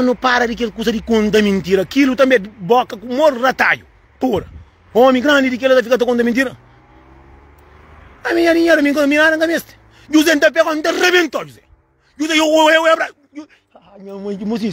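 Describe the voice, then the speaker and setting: A Cape Verdean man talks fast and emphatically in a casual monologue to the camera, repeating himself and calling the listener "moço". His voice sits very high and sounds husky and breathy. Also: fairly bright tone. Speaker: channel host.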